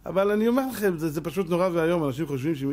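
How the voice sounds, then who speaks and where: A man giving a sermon as a rabbi, telling stories and acting out both sides of the dialogue. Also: a little high. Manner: animated storyteller who acts out dialogue, often laughing.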